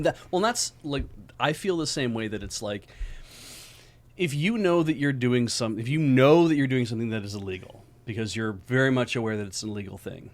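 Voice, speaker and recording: A middle-aged man co-hosting a casual discussion, rambling through points with everyday examples. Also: medium pitch. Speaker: co-host.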